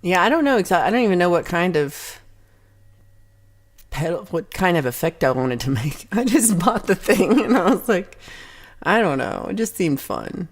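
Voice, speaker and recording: Her voice is lowish and very animated, moving at a normal speed. She's a young woman with a Texan accent running a laid-back livestream, reading comments from viewers and chatting on and on.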